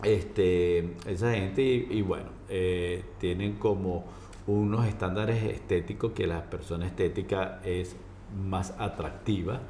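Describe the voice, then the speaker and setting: Casting: male doctor as interview guest, deep voice, halting explanatory delivery, roomy sound. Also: steady tone, warm tone. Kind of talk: informal medical explanation in an interview. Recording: roomy echo, faint background noise.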